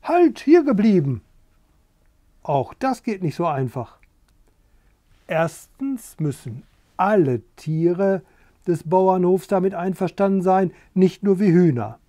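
A man voicing the oldest hen of the farm, shrewd and bossy, speaking in a deliberate, challenging way. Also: high-pitched, dark tone, no room sound, clean studio sound.

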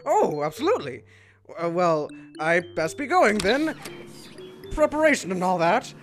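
A woman voices a blustering monster king for an audio drama, with a lowish pitch that swings very widely. He is bossy yet awkwardly tender, halting when he gets shy. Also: very animated, faint music behind. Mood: nervous. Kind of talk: fan audio drama acting.

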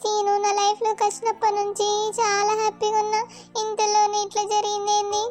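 A very high, flat-toned teenage village girl, voiced by a woman pleads and apologizes. Faint music plays behind her cartoon lines. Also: quick pace, dry recording. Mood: sad. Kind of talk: cartoon voice acting.

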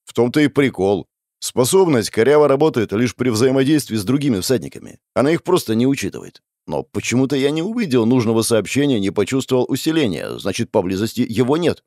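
Man voicing a smug horseman of death, offhand drawl, lively pitch, dry close read. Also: fast, no echo. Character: mocking male horseman of death, laid-back.

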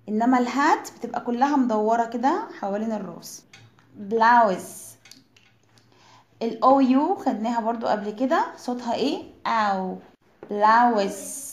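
A woman with an Egyptian accent teaching English words to children, saying each word slowly and repeating it for pronunciation. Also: fairly high pitch, reverberant. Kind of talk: slow vocabulary lesson for children.

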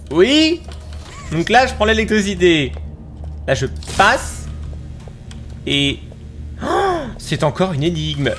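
A man doing excited let's play commentary, exclaiming and jumping up in pitch as he plays. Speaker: gaming YouTuber.

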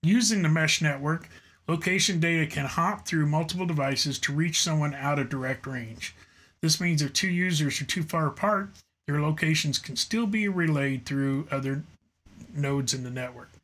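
A middle-aged man reviews radio equipment for YouTube, speaking earnestly to camera from a studio room lined with gear shelves. Working from a loose script, he explains the features and sometimes trips over his words, his voice a little high and fairly bright.

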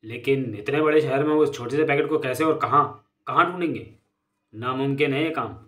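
A man's voice: mid-range voice, a little fast, fairly bright tone, lightly acted. A man voicing a nervous male henchman who reports to his boss in an anxious, pleading way. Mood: worried.

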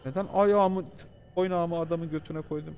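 With faint music underneath, a man whose voice is on the high side plays a horror game live at a moderate pace. As a gaming streamer, he keeps up an excitable, joking commentary, swearing freely and talking with his viewers.

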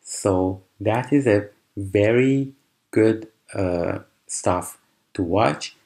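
In this screen-recorded software tutorial, the presenter is a man whose first language is Persian, and his voice is fairly low and gravelly. Unhurried and explanatory, he walks through the computer steps calmly, often using fillers and restarting.

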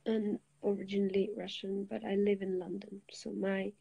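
A young woman livestreams from her bed indoors: she is from Switzerland, speaks Italian as her first language and holds the phone at arm's length. She greets viewers, changes languages and chats in a relaxed way. Her medium-pitched voice is gravelly with a breathy edge at normal speed, and the dull audio has no room sound.

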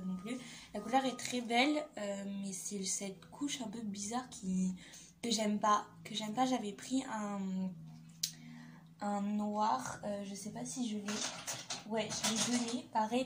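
Give me a young woman chatting hesitantly about nail polish, with noticeable noise on the recording. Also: medium pitch. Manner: hesitant, many fillers and repeats. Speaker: beauty vlogger. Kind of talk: casual nail polish review.

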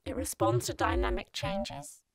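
This clip has a woman's voice, turned robotic by a vocoder or ring modulator effect, as she delivers a scripted test sample in short, deliberate statements.

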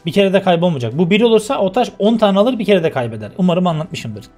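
A man's voice: sits high, sing-song, fast, darkish tone, faint music behind. A young man chatting casually to his viewers before a let's-play, rambling about his troubles and walking through game settings. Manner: rambling, talks straight to viewers as friends. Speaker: gaming YouTuber.

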